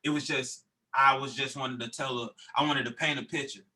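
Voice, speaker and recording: A man with a very bright, forceful, sharp voice talks loosely about his music as a podcast guest. He rambles, circles back and restarts his thoughts often, full of "um" and "you know". His pitch sits right in the middle for a man. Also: steady tone, fairly quick, poor audio. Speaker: recording artist guest. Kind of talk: casual podcast interview.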